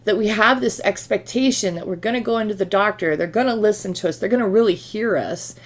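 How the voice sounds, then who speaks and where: A woman's voice: mid-range voice, brisk. Woman, podcast host, reflective, relatable, conversational. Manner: reflective, relatable, thinks aloud with fillers. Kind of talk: conversational interview.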